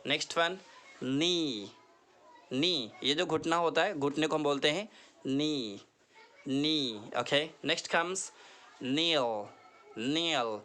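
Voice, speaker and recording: A man teaching an online lesson, mixing Hindi and English. He repeats each word slowly so the listener can echo it, and urges the listener earnestly to practise. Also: a little high, pushed and bright. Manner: earnest, pleading tone.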